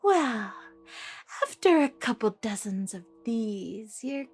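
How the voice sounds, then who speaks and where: A deranged female asylum villain for an audio roleplay. The voice is fairly high and very unhurried, with a husky, breathy edge. The delivery is playful yet menacing, theatrical and taunting. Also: sing-song, a little mellow, full character voice. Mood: gleeful, sadistic. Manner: taunting, theatrical, slipping between whispers and outbursts. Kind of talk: ASMR audio roleplay acting.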